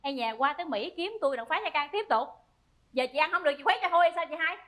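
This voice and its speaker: A wailing, henpecking wife. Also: female voice, sits high, lively intonation, fast, fairly bright tone. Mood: furious. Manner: theatrical wailing and pleading. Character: bossy wife humbled, wailing over her husband. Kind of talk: stage comedy sketch. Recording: live stage with audience laughter.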